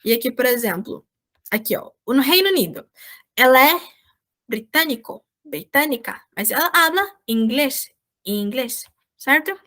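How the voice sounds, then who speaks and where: High-voiced Brazilian woman teaching online. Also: lively intonation, measured pace, pushed and bright. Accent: Brazilian Portuguese. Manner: explains patiently, checks in with "certo?". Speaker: volunteer Spanish teacher. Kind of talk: online class lesson. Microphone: video call.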